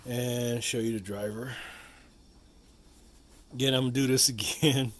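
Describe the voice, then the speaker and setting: With background noise behind him, this host demonstrates a product in a casual hands-on video. His mid-range voice is steady and measured as he rambles, repeats himself, and sprinkles in "you know" asides.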